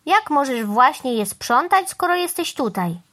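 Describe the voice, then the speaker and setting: Easygoing storybook mother cow voiced by a woman, gentle, sing-song, lively pitch, high voice. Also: a little slow, heavily acted. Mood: calm.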